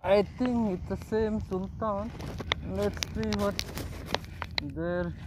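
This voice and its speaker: Out on a small boat at sea, a middle-aged man narrates his fishing casually for viewers, addressing them as "guys" in plain language. His high voice holds a steady tone at a slow pace. The phone he holds at arm's length picks up boat and water sounds, and the clip is very noisy.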